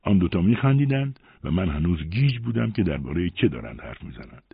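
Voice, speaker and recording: A man narrating a first-person story aloud with an expressive storytelling delivery. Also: low voice, gravelly, slightly rough, no echo. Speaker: audiobook narrator. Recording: dry, phone-like narrow sound.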